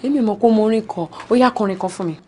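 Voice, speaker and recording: An actress plays a bossy young Nigerian woman in a campus film drama. She talks fast at a middle pitch, doubting and scolding, and repeats herself insistently. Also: warm tone, husky, close to an everyday voice. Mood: doubtful. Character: sceptical, bossy young female campus friend. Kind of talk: film acting, conversational.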